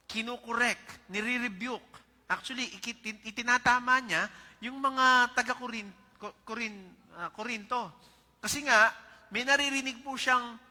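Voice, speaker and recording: In a church sanctuary full of hall reverb, a Filipino man preaches conversationally as pastor, slipping into English and laughing softly as he tells stories. His voice is extremely high, bright, and forceful.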